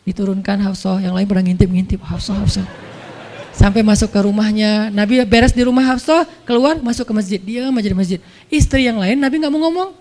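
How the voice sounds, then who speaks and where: A man preaching in who tells a story as a lively sermon and acts out each character's lines. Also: high-pitched, fairly quick, a little hiss or hum. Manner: animated storyteller acting out dialogue, shifting between soft and loud. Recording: reverberant hall.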